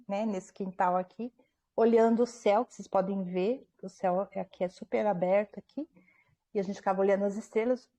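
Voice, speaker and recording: Woman author as interview guest; warm, mellow tone, lively storyteller who acts out the dialogue. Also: medium pitch. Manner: animated retelling, acting out quoted dialogue, frequent tag questions. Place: at home.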